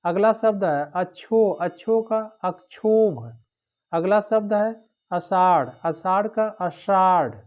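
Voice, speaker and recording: A man teaching an exam-prep lecture, drilling through word pairs one after another in a steady, repetitive way. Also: sits high, slow pace. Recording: dull lo-fi recording.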